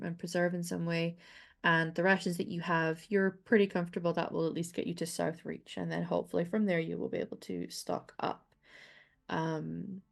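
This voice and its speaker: A woman narrating as game master of a tabletop game, halting at times, with restarts. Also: fairly low pitch, creaky.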